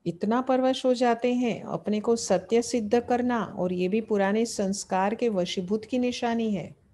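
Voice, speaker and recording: A woman gives a devotional talk in a mellow, warm voice. She poses questions to her listeners and answers them, returning again and again to the same phrases. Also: a little high, unhurried. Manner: asks rhetorical questions and answers them, repeating key phrases. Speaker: spiritual teacher. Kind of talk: devotional sermon explaining scripture.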